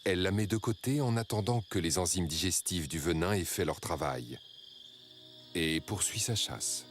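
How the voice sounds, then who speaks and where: A man reading scripted nature documentary narration in a measured, dramatic storytelling way. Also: low-pitched, lively intonation, a little hiss or hum.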